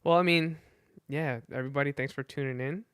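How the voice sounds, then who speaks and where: A man's voice: on the high side, steady tone, a little fast, fairly bright tone, clean tone, no echo. A man hosting a casual podcast chat, laid-back and laughing often, full of fillers. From Philippines. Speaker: podcast host.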